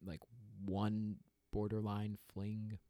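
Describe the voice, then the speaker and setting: A young man hosting his own podcast, ranting with big laughing outbursts and quiet sincere asides into a close mic. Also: lowish voice, completely flat delivery, slow, no echo. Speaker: podcast host. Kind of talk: solo podcast rant.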